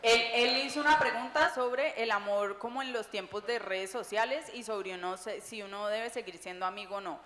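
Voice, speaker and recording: A woman, an author speaking on a public panel in a lively, joking, conversational way. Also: medium pitch, normal speed, hardly any pauses. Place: large echoey library hall. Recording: echoey hall with long reverb.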